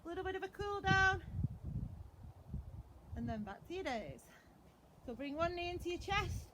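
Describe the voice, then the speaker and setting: A woman's voice: extremely high pitch, very animated, normal speed, heavy background noise. A woman fitness instructor leading a live workout class with short repeated commands, counts and encouraging cues. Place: outdoors in a back garden.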